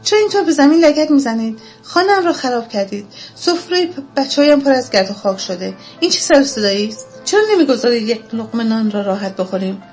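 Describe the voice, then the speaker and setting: Woman doing a shouting old blind mole. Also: on the high side, expressive, faint music behind, voice pushed up. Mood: outraged. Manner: shouting, complaining. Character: old blind male mole, fussy and quick-tempered.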